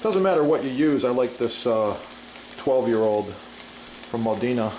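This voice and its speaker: A man's voice: medium pitch, expressive, unhurried, a little mellow. Middle-aged male home cook, enthusiastic product-plugging chatter, average voice, audible frying noise. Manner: chatty, enthusiastic, frequent "uh" fillers. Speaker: cooking demonstrator. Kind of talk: casual cooking demo with product plugs. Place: home kitchen at the stove. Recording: sizzling pan noise behind. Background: frying and sizzling in the pan.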